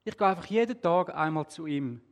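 A man's voice: fairly high pitch, lively intonation, brisk, big-room sound. A man doing a breezy young wooden girl. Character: carefree young female wooden figure.

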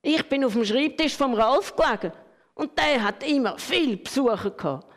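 A woman's voice: sits high, lively intonation, moderate pace, pitched above the performer's own voice. A woman voicing a shy, naive young male ballpoint pen who stammers, with long hall reverb. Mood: cheerful. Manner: stammering, hesitant.

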